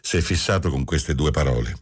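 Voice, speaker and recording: A man voicing a calm asylum doctor, deep and husky. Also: brisk. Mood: explaining. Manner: calm, matter-of-fact. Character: calm, sly middle-aged male asylum doctor.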